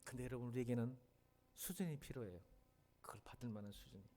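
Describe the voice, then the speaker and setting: A middle-aged male senior pastor preaching a sermon in a church sanctuary, emphatic and animated, often acting out the lines he quotes. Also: mid-range voice, quick pace.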